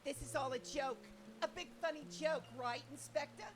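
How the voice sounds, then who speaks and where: Woman doing a bright, earnest young would-be inspector. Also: high voice, normal speed, close to an everyday voice. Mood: tearful. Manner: theatrical, dramatic sighs and sobs. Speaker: fan voice actor. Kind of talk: fan dub of game dialogue. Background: game music.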